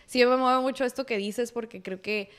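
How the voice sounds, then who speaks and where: A woman's voice: on the high side, steady tone, normal speed, clear, resonant tone. A young adult woman hosting an interview, talking in a chatty, rambling way with frequent restarts. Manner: chatty, lots of fillers and restarts, warm agreement. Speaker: psychologist host. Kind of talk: casual interview chat.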